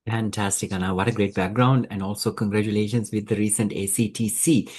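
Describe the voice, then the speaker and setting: A man's voice: lowish voice, steady tone, brisk, darkish tone. A man hosting an online group session over a video call, welcoming people with many fillers and restarts. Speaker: webinar host.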